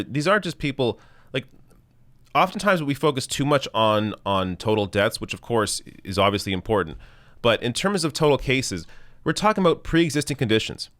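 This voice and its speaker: Low-voiced man giving earnest political commentary. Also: a bit bright, no room sound, clean studio sound. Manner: earnest, emphatic, opinionated. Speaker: host of a news commentary show. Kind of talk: political commentary, talking off the cuff to viewers.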